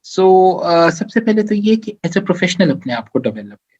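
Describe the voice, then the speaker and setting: A man's voice: high voice, sing-song, unhurried, darkish tone, slightly rough. Man explaining career tips, lo-fi audio. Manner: explanatory, mixes English phrases, frequent "theek hai" check-ins. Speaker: career advisor. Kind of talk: live Q&A workshop talk.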